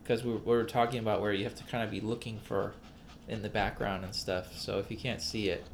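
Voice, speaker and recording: A man's voice: on the low side, little pitch movement, brisk, vocal fry, slight background noise. A man co-hosting a casual podcast about a film, rambling with many fillers and restarts. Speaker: podcast co-host.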